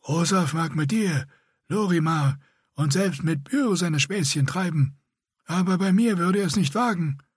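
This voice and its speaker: A man voicing a young, scarred, one-eyed male warrior with a grating, raspy voice and a curt, threatening manner. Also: fairly high pitch, unhurried, no echo, studio quality, voice pushed up. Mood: contemptuous.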